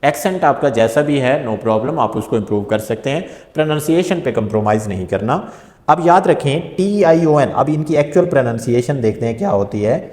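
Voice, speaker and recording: A man's voice: mid-range voice, lively intonation, a little mellow. Male English teacher in an echoey room. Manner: slow, deliberate spelling-out of letters and rules. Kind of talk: spoken English grammar lesson. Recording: echoey room with long reverb.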